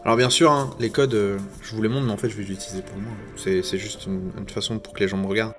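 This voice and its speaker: A man's voice: lowish voice, steady tone, fast, a bit bright, soft background music. A man casually commenting while he opens trading card packs, joking at his own expense with rambling asides. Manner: jokey, chatty, wandering asides. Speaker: YouTuber opening Pokémon card packs. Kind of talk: casual self-mocking commentary to camera.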